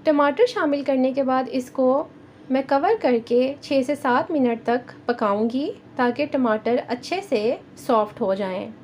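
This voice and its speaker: High-pitched pakistani urdu-accent lady walking you through a recipe, calm and clear, slight hum behind. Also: a little slow. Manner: calm, instructive, addresses viewers directly. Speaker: cooking channel host. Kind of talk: step-by-step recipe voice-over.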